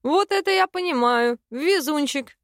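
A woman voicing a loud, jovial young man, the hero's friend, speaking high and hearty. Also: expressive, unhurried, dry recording, studio quality.

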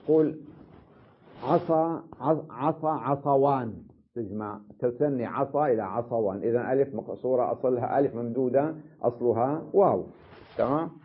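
A man's voice: medium pitch, a little hiss or hum. A man teaching an Arabic grammar lesson, explaining step by step and checking with the class after each point. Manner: explains step by step, asks the class "tamam?" often. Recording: dull lo-fi lecture recording.

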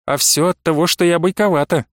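A man reading aloud and voicing a bold, teasing young peasant woman with a quick temper. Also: a little high, fairly even intonation, dry recording, studio quality, lightly acted. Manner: teasing, coaxing, then fiery.

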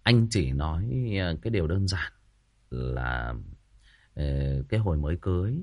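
A man tells a personal story to his listeners. His voice sits very low, and he talks in a loose, chatty way, often repeating phrases. The sound is dry, with no room echo. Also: expressive, moderate pace. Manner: chatty, repetitive, addresses listeners directly.

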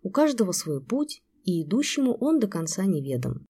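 A woman reading the lines of a calm, kindly grown man who speaks softly and soothingly. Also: medium pitch, normal speed, breathy edge. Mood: gentle. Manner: soft, steady, soothing.

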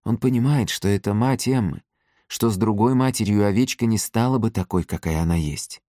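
A man narrating an audiobook in an expressive, scripted reading. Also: fairly low pitch, fairly quick, dry recording, studio quality.

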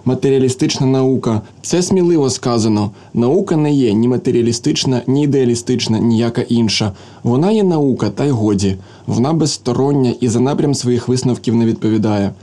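A man's voice: medium pitch, fairly quick, dark tone, close to an everyday voice. A man reading a dry, lecturing professor. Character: dry, condescending male professor of science.

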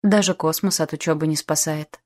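Woman narrating an audiobook, calm and low. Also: brisk. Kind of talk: first-person audiobook narration.

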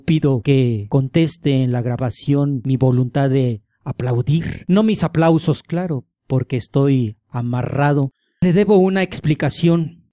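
A man's voice: on the high side, mellow, dry recording, clean studio sound, natural voice. A man voicing a tortured male prisoner in a radio drama, sardonic and mocking in his politeness.

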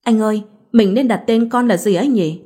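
A woman's voice: fairly high pitch, a little fast, warm tone, husky. A woman voicing an emotional, sulky young new mother in a storybook reading, with a pouting, tearful way of talking. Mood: affectionate.

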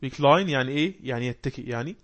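A man with an Egyptian accent teaching an English class online, explaining words and quizzing the class with quick questions. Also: mid-range voice, a bit bright. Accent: Egyptian Arabic. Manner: reads English passages slowly.

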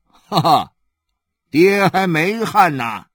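A man's voice: fairly low pitch, very animated, slow pace, fairly bright tone, dry recording, full character voice. Man playing an easygoing storybook father. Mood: cheerful.

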